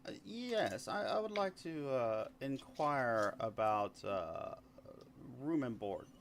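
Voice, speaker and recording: A man voicing an eager young bard who stammers and repeats himself while pitching his talents. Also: lively intonation, takes it slowly. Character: eager young male bard, fast-talking self-promoter.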